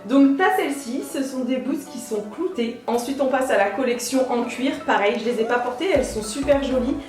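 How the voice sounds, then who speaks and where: A woman's voice: on the high side, fairly quick, faint music behind. A young woman chatting casually to her viewers as a vlogger, bubbly and often laughing. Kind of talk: casual shoe haul chat. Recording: echoey room.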